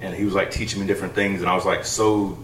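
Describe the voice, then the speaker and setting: Fast-talking young man in an echoey loft. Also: sits low, little pitch movement, a bit bright, slight background noise. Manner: chatty storyteller, many fillers. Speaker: guest musician, saxophonist. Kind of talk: casual interview chat. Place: theater loft, live session. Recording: echoey room, mic far off.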